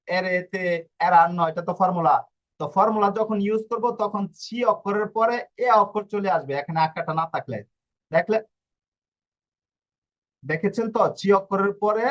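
A man's voice: high voice, highs cut off. A man teaching an online language class, explaining step by step, repeating rules and asking rhetorical questions.

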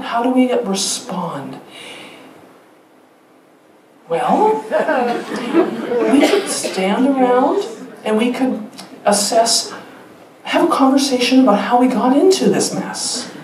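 Woman teacher educator, public talk, emphatic and lively, roomy distant stage sound. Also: fairly high pitch, a little hiss or hum. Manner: lively and emphatic, with rhetorical questions and light laughter. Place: theater stage.

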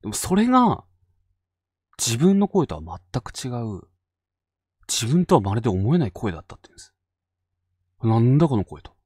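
Man telling a ghost story, wildly swinging pitch. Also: big pitch swings, moderate pace, long pauses, slightly rough, dry recording, studio quality. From Fukushima Prefecture, Japan. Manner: dramatic storytelling, drops to hushed tones for tension. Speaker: ghost story teller and host. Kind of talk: spoken ghost story narration.

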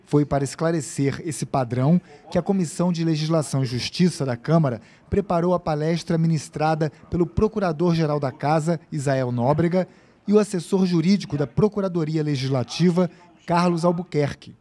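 A male news reporter with a Brazilian Portuguese accent narrates a scripted report in a measured, formal way. His voice sits a little high and sounds mellow.

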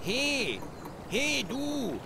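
A man's voice: very high voice, big pitch swings, extremely slow, gravelly, very noisy, exaggerated voice. A man voicing a grumpy, scolding male hare in a cartoon adventure game. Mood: indignant. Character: grumpy male hare guarding his private garden.

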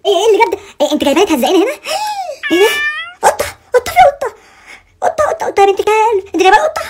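A performer voicing a flustered, loud older Egyptian mother with an Egyptian accent, shrill and scolding in a comic sketch. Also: lively intonation, very fast, background noise. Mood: panicked. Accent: Egyptian Arabic. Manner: shrill, scolding, easily panicked.

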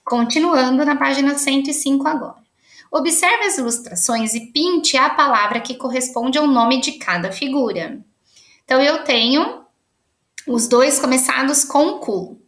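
A woman with a Brazilian accent teaching young children remotely, cheerful and encouraging, sounding out syllables slowly. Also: high-pitched, a bit bright, reverberant. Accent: Brazilian Portuguese. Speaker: primary school teacher.

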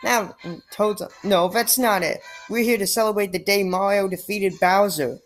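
Over soft background music, a woman with a mid-range voice speaks at a moderate pace. She's a gameplay commentator doing casual let's play commentary, sarcastic in tone, and she reads the game's dialogue out loud.

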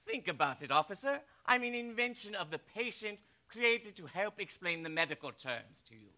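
An actor playing a trustworthy, authoritative doctor with a German accent in a stage musical. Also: male voice, high-pitched, very animated, moderate pace, pushed and bright, full character voice. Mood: explaining. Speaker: doctor figure.

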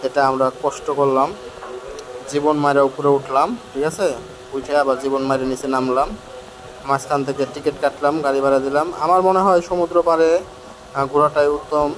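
A man's voice: medium pitch, rough recording. A man, a travel vlogger climbing hill stairs, talking frankly to viewers and slightly out of breath. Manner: chatty, frank and complaining, addresses viewers directly. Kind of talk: walking travel vlog commentary. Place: outdoors on hillside stairs. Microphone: handheld phone camera. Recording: phone audio with loud outdoor noise.

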